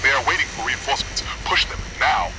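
An actor playing a terse heist handler in a video game, giving clipped, formal tactical orders like an arcade game announcer. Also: male voice, mid-range voice, a little fast, lightly acted. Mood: tense, businesslike. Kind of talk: scripted video game mission voice lines. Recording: game audio with clear background noise.

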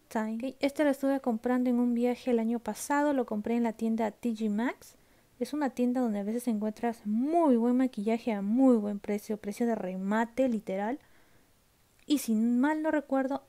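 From home, a woman vlogger with a fairly high pitch and dark tone casually displays her makeup products. Chatty and regularly checking in with viewers, she sometimes whispers during the show-and-tell.

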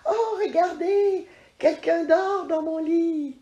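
A woman voicing a small, excitable male bear cub who cries out in a shrill voice. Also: slow, lo-fi sound. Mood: excited. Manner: shrill, crying out. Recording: roomy echo.

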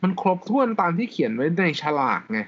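High-voiced man explaining casually. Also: sing-song, brisk, muffled recording. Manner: explains step by step, laughs often. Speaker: podcast co-host. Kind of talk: casual chat about law.

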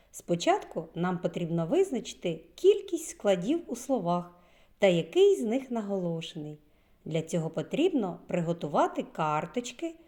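A woman preschool teacher giving a lesson to small children, saying words slowly with clear stress. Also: mid-range voice, a little mellow.

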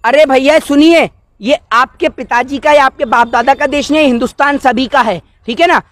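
Outdoors beside a wall, a twenty-something man argues politics with passion in a street interview, his indignation coming out as rhetorical questions. His voice is extremely high and fairly bright, at a moderate pace. Several handheld news mics are held close, and the sound is dry.

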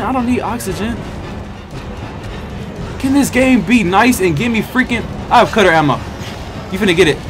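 A young American man giving excitable, trash-talking commentary while he plays a video game. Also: high-pitched. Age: young adult. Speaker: gaming video host. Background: game music and sounds.

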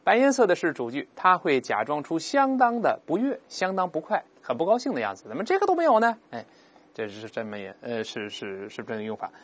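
Lively male English teacher explaining grammar. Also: a little high, a little fast. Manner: explains grammar step by step, has students read aloud. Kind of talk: recorded language lesson.

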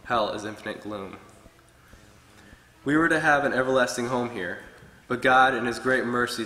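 A young man earnestly reads a short sermon from his notes at a pulpit. His medium-pitched voice is pushed and bright. The wood-paneled church hall gives an echoey sound with long reverb, plus a little hiss or hum.

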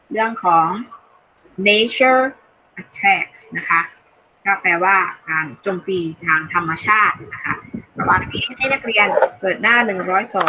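A woman teaching an English class online, explaining slowly in Thai and reading English phrases aloud. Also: medium pitch, sharp tone. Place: online video call. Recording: dull lo-fi call audio, faint noise.

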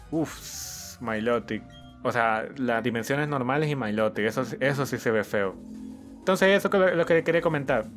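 A man's voice: a little high, fairly bright tone. A young man giving casual let's-play commentary as the host of a gaming channel, cheering his team on, thinking aloud and swearing often.

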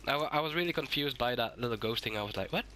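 A sick, hoarse man giving swearing, excitable let's-play commentary and shouting at the game. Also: medium pitch, racing, slight background noise. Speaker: gaming YouTuber.

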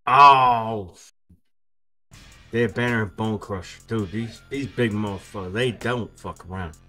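A man giving casual let's-play commentary, excitable and profane, trash-talking the screen. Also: fairly low pitch, a little slow. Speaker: gaming video host. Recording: faint game music behind.

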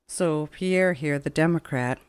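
Smooth and unhurried, a gaming channel host's voice sits low and carries no echo. She rambles through casual, chatty let's play commentary over game footage while game music plays.

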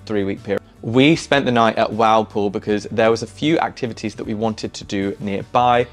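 This young man's voice is on the low side and his tone stays steady as he casually recommends travel spots to the camera from a small living room. An enthusiastic, easygoing vlogger, he talks at a moderate pace with lots of fillers, faint music behind him.

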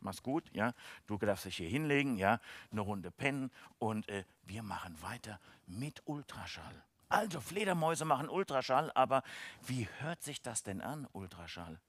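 A man giving a lively, playful science lecture for children, enthusiastic and speaking directly to the kids. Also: medium pitch, normal speed, no echo. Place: university event, online stream.

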